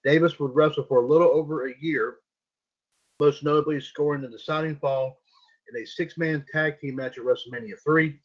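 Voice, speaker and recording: A man's voice: on the high side, steady tone, brisk. Folksy male radio host, lo-fi sound. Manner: folksy, repeats himself, lots of fillers. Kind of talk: casual internet radio hosting. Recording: dull lo-fi internet radio audio.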